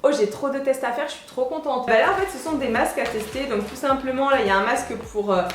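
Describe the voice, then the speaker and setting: A young woman beauty vlogger chatting excitedly through a product unboxing, with lots of hesitations. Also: high-pitched, fast. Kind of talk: casual product unboxing chat. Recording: echoey room.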